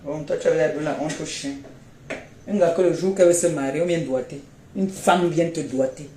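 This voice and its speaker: A woman's voice: low voice, brisk, warm tone. A Cameroonian woman rants on a phone live stream, mocking and scolding in blunt, repeated jabs. She sounds tired and unwell. The room is echoey, with a faint hiss underneath. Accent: Cameroonian French.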